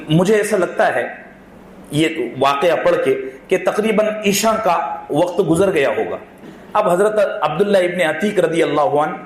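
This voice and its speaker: A man delivers a sermon as a vivid story, acting out each scene and turning to his listeners as he goes. His voice sits high, and it rings around a closed hall. A faint room hum runs underneath. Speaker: Islamic preacher. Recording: echoey hall with faint ambience.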